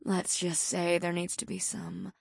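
A man voicing a calm, flirtatious female succubus who owns a club, speaking softly with a purr. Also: measured pace, creaky, breathy edge, dry recording, clean studio sound, heavily acted. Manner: soft, low, purring delivery.

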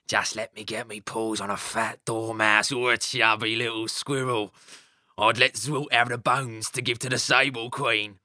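A man voicing a burly, boastful male stoat warrior, coarse and swaggering with rough dialect grammar. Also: medium pitch, little pitch movement, measured pace, bright, forceful tone, no room sound, studio quality. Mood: sneering.

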